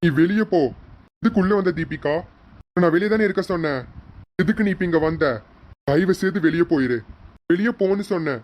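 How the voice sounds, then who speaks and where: A man's voice: on the high side, fairly even intonation, a little fast, muffled recording, natural voice. A man playing an injured young husband in a homemade serial, speaking emotionally and repeating names. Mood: pained. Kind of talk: hobby serial acting.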